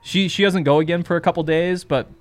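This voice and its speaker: Man, fairly high pitch, dry close sound, casual banter, betting co-host. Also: fairly even intonation, fast, no room sound, faint music behind. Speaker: sports betting show co-host.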